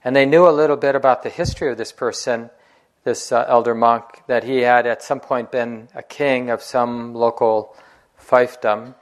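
A meditation teacher gives a dharma talk, speaking in a relaxed, conversational way like he's telling a story and laughing lightly now and then. His pitch is medium and his speed normal.

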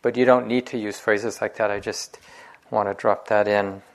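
A man, a meditation teacher, giving a dharma talk in a relaxed, conversational storytelling way with light laughs. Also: on the low side, normal speed.

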